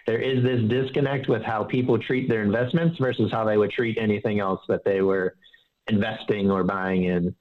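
A man giving calm financial advice in an interview, explaining with analogies and often restarting his sentences. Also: on the low side, normal speed. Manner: earnest and explanatory, fond of analogies, many restarts. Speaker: financial advisor guest. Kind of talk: casual interview. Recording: dull, slightly lo-fi audio.

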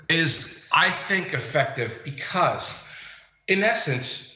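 Bright, lively man in a roomy sound. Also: mid-range voice, highs cut off. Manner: halting, careful, formal phrasing. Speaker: guest firearms expert and private investigator. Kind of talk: conversational explanation.

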